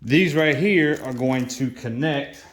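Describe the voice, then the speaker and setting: A man's voice: mid-range voice, takes it slowly, a bit bright, roomy sound, a little hiss or hum. A man who is a mechanic talks casually through a motorcycle parts install, half-whispering to himself as he works. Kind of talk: casual how-to while working.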